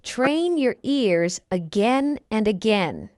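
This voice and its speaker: Very slow, animated woman teaching English. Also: on the high side, dry recording, studio quality. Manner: clear, careful drilling, repeats each phrase. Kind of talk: slow scripted language lesson.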